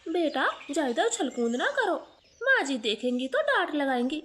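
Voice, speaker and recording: A woman's voice: sits high, very animated, moderate pace, a bit bright. A woman voicing a poor female crow maid in a storybook cartoon, speaking deferentially and earnestly. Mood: humble.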